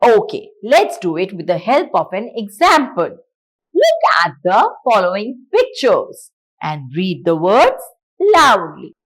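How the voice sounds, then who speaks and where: A woman teacher with a Punjabi accent giving a phonics lesson to children, drawing out each sound slowly. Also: medium pitch. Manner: slow, sing-song teacherly delivery with drawn-out sounds.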